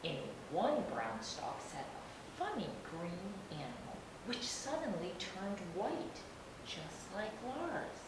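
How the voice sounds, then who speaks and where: A middle-aged woman reading a picture book aloud to young children in an expressive, deliberate storytelling manner. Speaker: storybook reader. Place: indoor room, seated. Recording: roomy, distant microphone, rumbling background noise.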